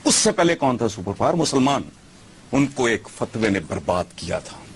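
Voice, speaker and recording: A man's voice: medium pitch, sing-song, moderate pace, slight background noise. A man giving scornful opinion commentary, lecturing with rhetorical questions.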